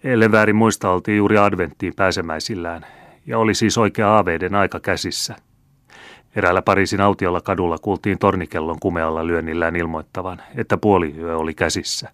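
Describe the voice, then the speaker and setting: A man's voice: deep voice, fairly even intonation, fairly bright tone, no room sound, clean studio sound. A man reading an old, reasoning storyteller. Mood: storytelling. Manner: measured, explanatory storytelling. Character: elderly male storyteller, calm and reasoning. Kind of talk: audiobook character reading.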